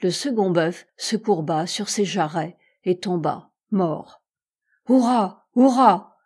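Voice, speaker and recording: A woman narrating a classic adventure novel in a measured, expressive storytelling voice. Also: on the low side, breathy edge. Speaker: audiobook reader. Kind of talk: scripted narration.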